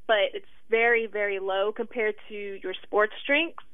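A woman's voice: medium pitch, unhurried, clear, resonant tone, no echo. Woman dietitian over a tinny phone. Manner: plain explaining, relaxed fillers. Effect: heard over the phone. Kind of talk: explaining in an interview.

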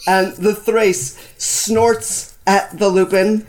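A woman's voice: medium pitch, fairly even intonation, extremely slow, a little mellow. A woman narrating a tabletop game as game master, descriptive and playful.

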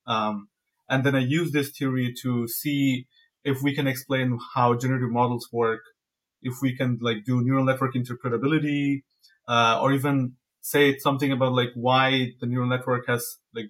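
A man's voice: mid-range voice, little pitch movement, moderate pace, fairly bright tone. A young man from Bangladesh, a guest researcher talking casually in an interview, hesitant and full of fillers and restarts. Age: young adult.

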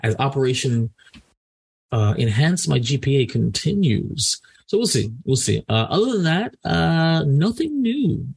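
A man's voice: mid-range voice, sing-song, unhurried, gravelly, darkish tone, breathy edge. A man co-hosting a podcast in casual banter, joking and rambling with frequent restarts. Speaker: podcast co-host.

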